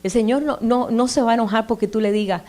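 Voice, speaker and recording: A woman's voice: a little high, quick pace. Woman preacher reading psalms. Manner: warm conversational preaching, reading scripture aloud with emphatic rises; addresses listeners directly with tag questions. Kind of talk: sermon.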